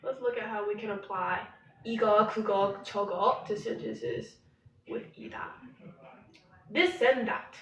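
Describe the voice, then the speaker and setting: A woman's voice: medium pitch, moderate pace. A woman co-hosting a casual live study session, reading her notes aloud and laughing off her slips. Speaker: co-host studying Korean. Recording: roomy, distant, dull and slightly noisy.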